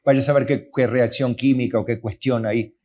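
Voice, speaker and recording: In a brisk, mellow voice of medium pitch and steady tone, an Argentine Spanish-accented pastor puts questions to his congregation and supplies the answers himself. Throughout the sermon he performs the voices of God and of grumbling believers.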